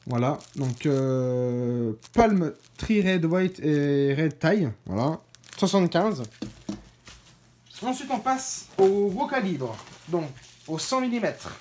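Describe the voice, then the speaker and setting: A woman's voice: low voice, expressive, takes it slowly, dark tone, a little hiss or hum. A woman hosting her own channel, giving casual unboxing commentary to viewers, hesitant, with many fillers and self-corrections. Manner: informal, talks straight to viewers. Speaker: fireworks channel host.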